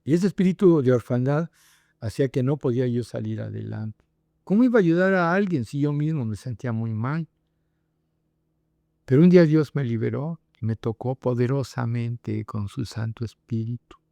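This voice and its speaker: A man's voice: mid-range voice, lively intonation, moderate pace, creaky, dark tone, no echo. A middle-aged male pastor, preaching and praying with fervent emphasis. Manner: earnest, fervent, with rising prayerful emphasis. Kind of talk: sermon and prayer.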